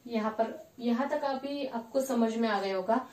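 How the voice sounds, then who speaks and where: Slow, high-voiced woman teaching in an echoey room. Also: a little mellow, recorded from a distance. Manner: slow, repetitive, asks questions and answers them herself. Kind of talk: classroom grammar lesson.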